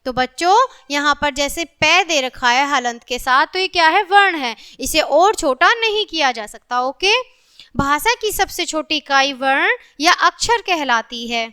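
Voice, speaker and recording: A woman teaches a children's grammar lesson in a high, bright voice. She takes it slowly and patiently, turning to the children again and again. She drops numbers into her talk. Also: lively intonation. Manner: slow, patient, addressing children often; mixes English numbers into Hindi.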